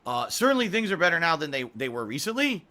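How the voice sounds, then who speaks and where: A middle-aged man chatting casually on a livestream, reading viewer messages, rambling with frequent restarts and throat clearing. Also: fairly high pitch, very animated, fast talker, pushed and bright. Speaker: streamer.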